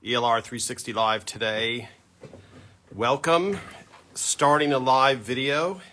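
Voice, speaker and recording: A man's voice: mid-range voice, fairly even intonation, takes it slowly, sharp tone. A man hosting a casual live-stream chat for fans, greeting viewers by name with lots of fillers, into a plugged-in microphone. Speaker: host of a live fan stream.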